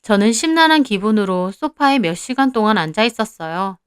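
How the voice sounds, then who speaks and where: A young woman narrating her own story in the first person, in an even, confiding way. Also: medium pitch, fairly quick, clean tone, dry recording, clean studio sound.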